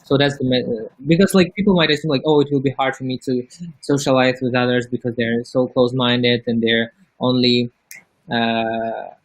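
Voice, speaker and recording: Man from Kazakhstan, panel guest, relaxed loose talk, dry sound, mid pitch. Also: moderate pace, no room sound, low-quality recording. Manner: relaxed, loose with many likes.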